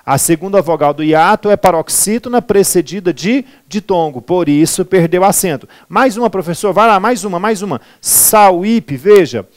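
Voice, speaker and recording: A man's voice: high-pitched, animated, moderate pace, few pauses. A man with a Brazilian Portuguese accent teaching a grammar lesson for a civil service exam, emphatic, repeating key words and answering his own questions.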